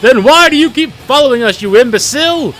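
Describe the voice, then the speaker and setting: A man voicing a bold young female ship captain from a child's story, yelling shrilly and defiantly. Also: very high-pitched, animated, measured pace, soft background music, pitched above the performer's own voice, full character voice.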